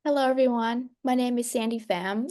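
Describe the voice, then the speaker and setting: A woman's voice: on the high side, fairly even intonation, moderate pace. Hesitant woman from Vietnam. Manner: gentle, hesitant, with fillers. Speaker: graduate student panelist. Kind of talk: self-introduction on a webinar panel. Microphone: video call.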